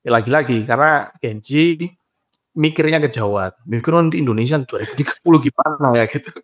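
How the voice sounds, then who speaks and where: Lively young man explaining with acted-out dialogues. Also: medium pitch, a little fast. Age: young adult. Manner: lively explainer who acts out dialogues and laughs at his own points. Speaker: guest, graduate psychology student and trainer. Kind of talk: casual interview talk.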